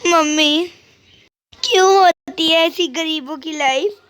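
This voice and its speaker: Woman voicing a high, pleading poor little girl, hungry and tearful, for a game role-play. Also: slow pace, fairly bright tone, full character voice. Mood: sad.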